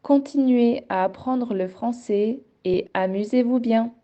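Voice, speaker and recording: A woman narrating a scripted language lesson as a teacher, speaking slowly and clearly articulated. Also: a little high, dark tone, highs cut off. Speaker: French teacher.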